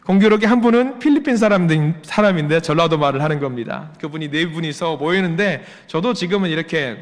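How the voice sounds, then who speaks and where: Man in his 40s, pastor; high voice, emphatic sermon delivery, long hall reverb. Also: expressive, brisk. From Jeolla region, Korea. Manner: emphatic, repeats rhetorical questions. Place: church sanctuary.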